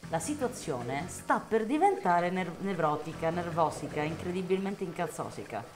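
A woman's voice: lowish voice, very animated, moderate pace. A woman commenting live on her gameplay, talking to the game and bursting out in frustration and swearing. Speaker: gameplay streamer. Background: game music.

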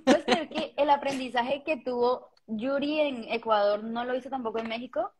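A woman's voice: high voice, normal speed, darkish tone, a little hiss or hum, poor audio. A young woman from Colombia chatting casually and playfully on a livestream, teasing her friends and laughing often. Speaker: livestream co-host.

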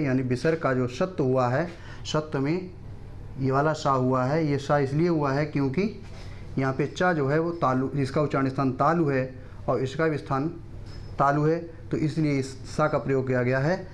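A middle-aged man teaching a lesson, reciting verses slowly in a chant and then explaining them quickly. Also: mid-range voice, steady tone, slight background noise. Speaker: Sanskrit teacher.

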